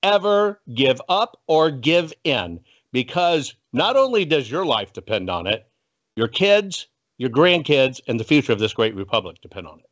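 A man's voice: mid-range voice, very animated, moderate pace, a bit bright. An American man speaking as an activist guest, delivering motivational political commentary in a punchy, folksy, preachy way. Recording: dull, muffled lo-fi audio.

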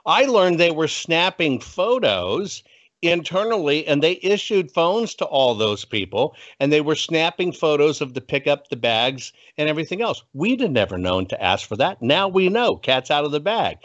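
American man, very lively intonation, preachy, folksy, punchy political pep talk, dull lo-fi sound. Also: a little high, normal speed. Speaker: political activist guest. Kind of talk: motivational political commentary. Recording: dull, muffled lo-fi audio.

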